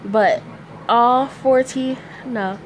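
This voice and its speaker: A woman in her early thirties talks with a finger in her mouth as she points at her teeth. Her words come out loose and chatty, with plenty of fillers. A steady hum of noise sits clearly behind her at home. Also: a little high, very slow, poor audio. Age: early 30s. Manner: chatty, loose, says "y'all" and "um" a lot. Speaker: vlogger. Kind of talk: casual chat. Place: home, indoors, evening.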